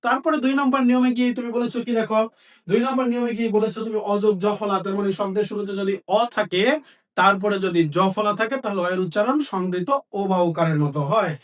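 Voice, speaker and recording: A man's voice: high voice, fairly even intonation, quick pace, distant mic. A male teacher giving an exam-prep grammar lesson, asking questions and answering them himself and repeating key points.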